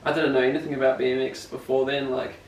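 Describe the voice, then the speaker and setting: A young man with a broad New Zealand accent, interviewed as a BMX rider, chats casually in a mid-range voice with little pitch movement, talking fast. He rambles, uses slang and pokes fun at himself. The recording comes from an echoey room with a distant mic and faint noise.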